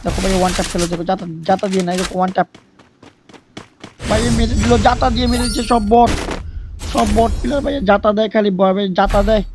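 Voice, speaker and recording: A man giving excited commentary on a shooter game he is playing, shouting repeated commands and hyping himself up. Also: high-pitched, fast talker. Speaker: gamer streaming a shooter. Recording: gunfire and game noise behind voice.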